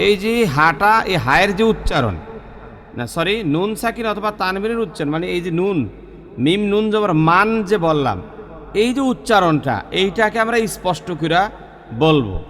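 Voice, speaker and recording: A man teaches recitation rules to a class. He repeats each example slowly and talks straight to his students. His voice rings with a long reverb. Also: sits high, animated, fairly bright tone. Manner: repetitive, drills pronunciation examples, addresses students directly. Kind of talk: online tajweed class.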